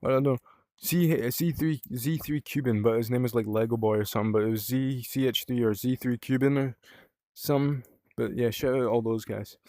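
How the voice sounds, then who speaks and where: A man's voice: mid-range voice, fairly even intonation, normal speed, mellow, dry recording, clean studio sound. A young British man from the UK chatting casually in a rambling vlog, swearing freely and using lots of fillers. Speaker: vlogger.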